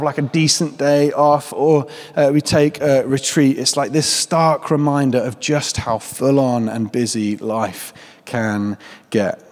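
A man's voice: on the high side, darkish tone. Casual man preaching in a big hall. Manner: casual, joking, many fillers. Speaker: Church of England vicar. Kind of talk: sermon.

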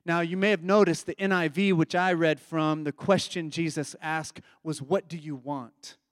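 A man's voice: a little high, steady tone, moderate pace, no room sound, clean studio sound. A man preaching a reflective, conversational sermon.

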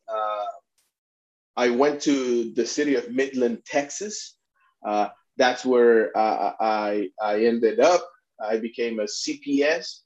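A middle-aged man from Puerto Rico talks earnestly as an interview guest, circling back and restarting his sentences as he tells his story. His voice sits at an average pitch. The recording sounds slightly dull and lo-fi. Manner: earnest, many restarts and fillers. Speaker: immigration attorney and advocate, guest. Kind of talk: conversational interview.

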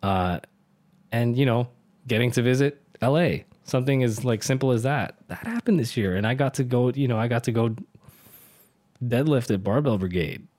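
An earnest young man in his late twenties musing aloud in a casual monologue, rambling and often breaking into laughter. His voice sits at an ordinary middle pitch, recorded close and dry with no room sound. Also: animated, moderate pace, a little mellow, no room sound. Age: 20s. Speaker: vlogger. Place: home in a city.

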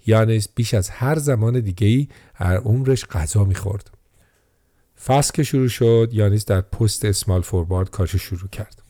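A man reading an audiobook story in a steady storytelling manner. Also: lowish voice, no room sound, clean studio sound. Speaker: narrator. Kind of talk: audiobook narration.

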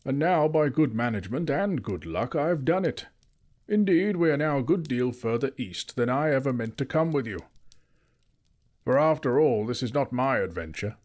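Wise, commanding old wizard, read by a man: pitched well above his own voice, emphatic. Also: animated, moderate pace, darkish tone, natural voice. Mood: reassuring.

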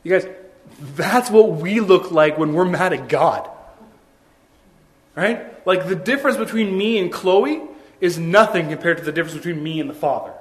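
A young man preaching a sermon in a conversational, earnest way, with quick asides and restarts. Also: high voice. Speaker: pastor.

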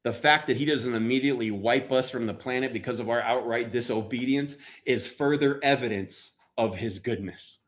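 The speaker is an American man in the pulpit, his sermon booming and motivational, emphatic and conversational by turns, broken up with dramatic pauses.

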